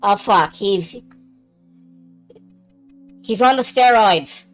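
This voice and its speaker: A woman's voice: mid-range voice, very slow, low-quality recording. A woman giving casual, sweary game commentary as a let's play host, narrating her own moves as she goes. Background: game music.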